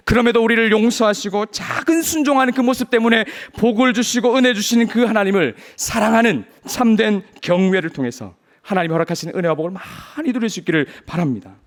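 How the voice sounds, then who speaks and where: A man preaching a Sunday sermon in a notably high voice. He speaks earnestly to his congregation, posing searching rhetorical questions as he pleads with them. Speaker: pastor.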